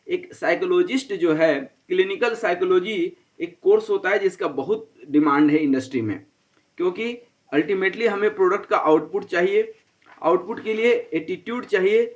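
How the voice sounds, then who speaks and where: A man giving a recorded engineering lecture. He mixes in rhyming, preachy asides and often checks in with his listeners. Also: fairly high pitch. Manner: rhyming, preachy asides, frequent "theek hai na". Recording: voice a bit distant from the mic.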